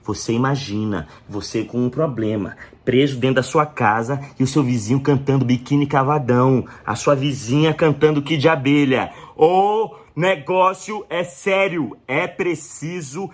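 A man's voice: medium pitch, measured pace, few pauses. A man with a Brazilian accent giving a rambling, profane comic monologue at home, acting out scenes with exaggerated coughs. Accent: Brazilian Portuguese. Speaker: comedy vlogger. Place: indoors at home.

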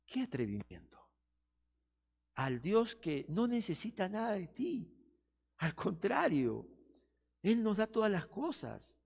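A male pastor preaching a sermon, often acting out doubters and busy churchgoers in quick quoted asides. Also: high voice, wildly swooping pitch, creaky, a little mellow, slightly rough. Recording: long reverb of a church hall.

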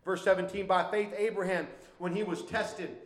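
Minnesotan pastor guy preaching, fairly high voice, chatty asides, echoey church. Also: moderate pace. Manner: animated, conversational preaching with asides. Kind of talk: sermon. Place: church sanctuary.

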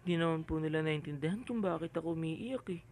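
A man's voice: on the high side, fast talker, natural voice, low-quality recording. A man voicing a shy, tearful young boy who speaks politely and hesitantly in an audio drama. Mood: sad, hesitant. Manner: polite, hesitant, softly upset.

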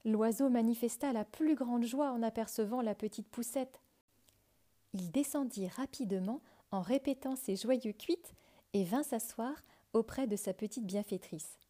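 Mellow woman reading a fairy tale. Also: fairly high pitch, a little slow. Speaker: storyteller.

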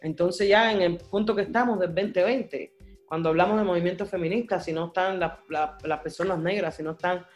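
A man's voice: sits high, fairly even intonation, brisk, faint music behind. A man speaking as a guest artist and activist in a radio interview, passionate, often repeating and searching for words.

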